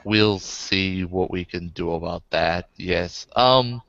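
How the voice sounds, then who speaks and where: A man voicing a smooth, secretive male information broker who speaks in an unhurried, knowing way. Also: sits low, fairly bright tone, no echo, dull audio, voice pushed down, exaggerated voice.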